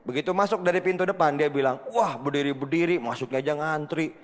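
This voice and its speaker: Animated man speaking in a reverberant hall. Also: a little high, fast talker. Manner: animated, addresses the audience again and again, acts out quoted dialogue. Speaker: seminar speaker. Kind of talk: motivational storytelling talk to an audience. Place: seminar hall with audience.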